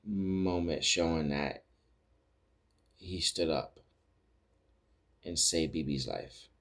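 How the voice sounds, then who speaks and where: Male podcast host, very low voice, loose rambling episode recap. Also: takes it slowly, a bit bright. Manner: rambling retelling with many restarts and quoted lines. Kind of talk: casual recap chat.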